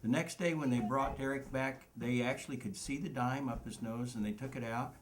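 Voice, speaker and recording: A man's voice: medium pitch, fairly quick, a little hiss or hum, low-quality recording. A man, the father of the family, chiming in with wry remarks and details during casual family storytelling.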